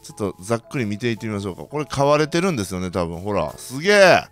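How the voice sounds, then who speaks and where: A young man with a Kansai accent commentating his own game play, bursting into loud reactions and then muttering quietly. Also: racing, faint music behind. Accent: Kansai Japanese. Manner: excitable, reacts loudly to surprises, then mutters low. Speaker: gaming channel host.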